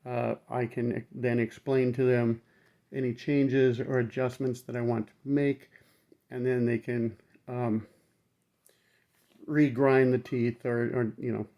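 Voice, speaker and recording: Male vlogger, mid-pitched, numb-mouthed after dental work; blunt, rambling, casual delivery with frequent swearing. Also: level tone, slow pace, warm tone, a little hiss or hum. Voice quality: numb-mouthed speech from temporary teeth after surgery. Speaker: vlogger recounting his dental surgery. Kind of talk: casual talk to camera.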